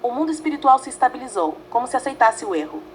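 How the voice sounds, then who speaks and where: A woman's voice: on the high side, big pitch swings, a little hiss or hum, rough recording. Dramatic woman storyteller, faint ambience. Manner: dramatic, measured reading in short phrases. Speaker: narrator. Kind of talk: scripted fanfiction narration.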